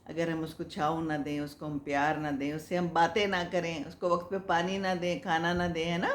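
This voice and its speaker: An older woman chats her way through viewers' comments as host of an advice show, motherly and moralizing, with frequent laughs. Her voice sits a little low. The sound rings with the echo of the room around her. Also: little pitch movement, a little hiss or hum. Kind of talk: casual advice talk. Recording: echoey room.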